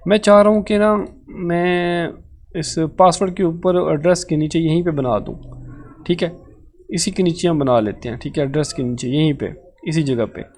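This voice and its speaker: A man's voice: a little high, normal speed, a little mellow. A man with a Pakistani Urdu accent teaching a live online coding lesson, explaining step by step and checking in often. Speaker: programming tutor. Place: live online class session.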